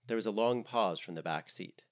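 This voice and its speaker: A man narrating a comedic story in a wry, expressive way. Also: lowish voice, moderate pace.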